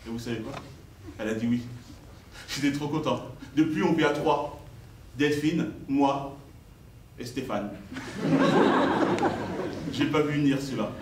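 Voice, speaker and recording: Animated man doing stand-up in an echoey hall. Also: a little slow, pauses often. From Normandy, France. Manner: animated, jumps up for quoted voices and drops low for asides. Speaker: stand-up comedian. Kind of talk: stand-up comedy set. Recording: echoey, distant live recording, noisy.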